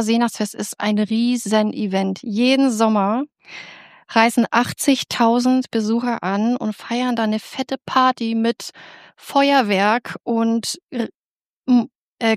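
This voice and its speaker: Woman, lively storyteller, excitable and rambling, higher pitch, dry recording. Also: no echo. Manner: animated, excitable, with many restarts. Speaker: speaker giving a personal faith testimony.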